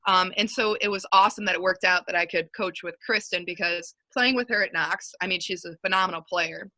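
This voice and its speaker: A woman's voice: lowish voice, fairly quick, bright, forceful tone, no room sound, low-quality recording. A young woman in her twenties, a basketball coach, talking casually and upbeat in an interview, rambling with lots of fillers.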